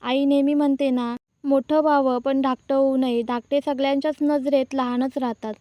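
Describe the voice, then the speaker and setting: A woman's voice: sits high, little pitch movement, moderate pace, no echo, highs cut off, lightly acted. A woman voicing a scheming young wife who taunts her in-laws in a serial recap. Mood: taunting.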